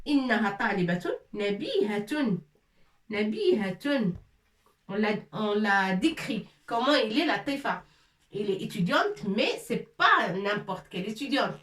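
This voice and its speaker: A woman giving an Arabic grammar lesson, slowly repeating words and drilling them aloud. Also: on the high side. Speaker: Arabic teacher. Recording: echoey room, voice from far off.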